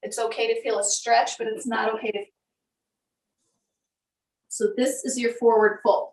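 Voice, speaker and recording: A woman yoga instructor giving calm, step-by-step guided instruction on breath and poses. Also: fairly high pitch, unhurried, far from the mic. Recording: echoey room, voice from off the mic.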